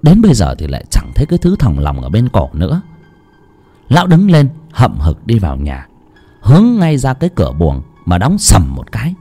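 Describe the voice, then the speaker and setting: A man narrating a ghost story in a dramatic, animated storytelling voice. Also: fairly low pitch, moderate pace, breathy edge. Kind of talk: scripted horror narration. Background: faint background music.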